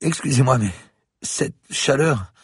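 A man voicing a panicked woman police officer in an audiobook reading, in frantic, shrill outbursts with a husky edge. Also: animated, a little slow, dry recording, studio quality. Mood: faint.

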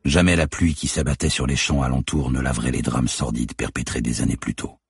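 A man reading a novel aloud in a measured, somber narration. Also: very deep voice, little pitch movement, gravelly, husky. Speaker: audiobook narrator. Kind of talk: scripted narration.

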